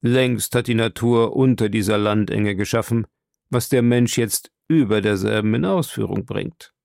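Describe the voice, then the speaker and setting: A man reading the part of a stern, proud male submarine captain in an audiobook, speaking in a calm, measured and commanding way. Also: lowish voice, gravelly, no echo, clean studio sound.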